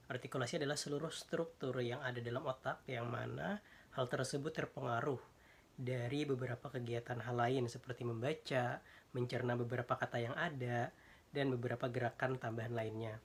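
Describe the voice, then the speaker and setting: A man's voice: medium pitch, fairly even intonation, normal speed, a little hiss or hum. A young man giving a casual class presentation, explaining ideas with many fillers and restarts. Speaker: student presenter.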